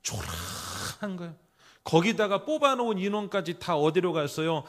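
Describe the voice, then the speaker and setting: A middle-aged man preaching a sermon in a church, emphatic, putting rhetorical questions to the congregation and swinging between loud exclamations and quiet asides. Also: high-pitched. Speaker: pastor. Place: church sanctuary.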